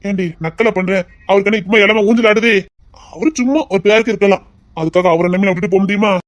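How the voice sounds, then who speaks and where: In an amateur romantic drama, a woman with a medium-pitched, natural voice speaks quickly and steadily, giving a lilt to her role as a young man teasing his sweetheart. The teasing gives way to soft tenderness.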